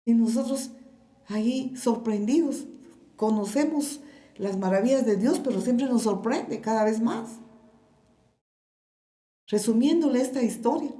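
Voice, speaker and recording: A woman's voice: a little high, dark tone, roomy sound. A woman pastor with a Guatemalan Spanish accent, telling stories in a sermon and speaking straight to the congregation. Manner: storytelling, addresses the congregation directly. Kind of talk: sermon with testimony.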